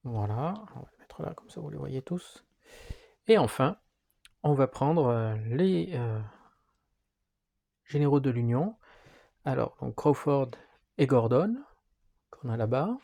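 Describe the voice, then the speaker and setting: A man's voice: medium pitch, expressive, takes it slowly, creaky, pauses often, mellow. A man walking through the rules of a wargame, talking hesitantly with frequent fillers as he handles the pieces. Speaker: board game presenter.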